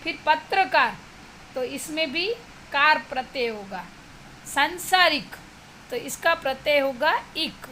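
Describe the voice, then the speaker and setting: Woman hindi teacher w gujarati accent, high voice, talks slow, faint noise behind. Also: poor audio. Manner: slow, steady, mixes English words into Hindi. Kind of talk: explaining a textbook exercise to students.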